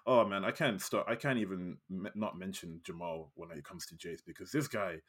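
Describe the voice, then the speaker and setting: A man's voice: sits low, moderate pace, fairly bright tone, husky. A man co-hosting a film podcast, talking in a laid-back way with plenty of slang and restarts. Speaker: podcast co-host. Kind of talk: casual film review chat.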